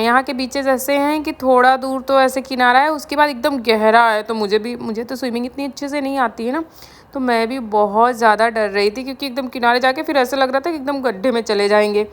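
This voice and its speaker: Chatty woman narrating a family vlog. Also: sits high. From India. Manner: chatty and storytelling, mixes English words into Hindi. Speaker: family vlogger. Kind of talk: casual vlog voice-over narration.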